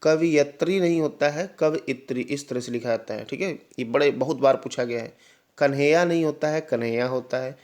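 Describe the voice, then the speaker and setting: A man's voice: medium pitch, a little fast, few pauses, darkish tone. Man teaching an exam-prep language lesson. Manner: explains patiently, often repeats "ठीक है" to check understanding; addresses students directly, sometimes calling them "भाई".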